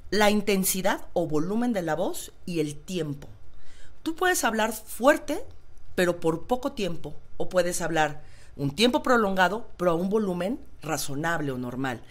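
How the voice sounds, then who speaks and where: A woman's voice: fairly low pitch, very animated, normal speed. A woman phoniatrics specialist, explaining voice care with everyday examples in a talk show interview. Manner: didactic, uses everyday examples.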